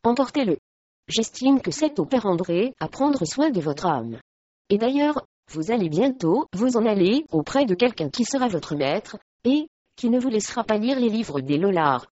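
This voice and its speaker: A woman's voice: mid-range voice, very animated, normal speed, dark tone, no echo. A stern, irritable medieval lord who scolds his household, as a woman narrator puts him on. The audio is dry and a little dull. His voice sits in a middle register.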